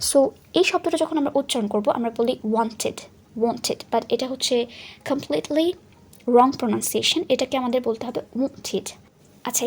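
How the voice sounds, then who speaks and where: A woman teaching pronunciation, who explains patiently and repeats each word slowly for learners. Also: high voice, slightly rough. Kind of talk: explanatory language lesson.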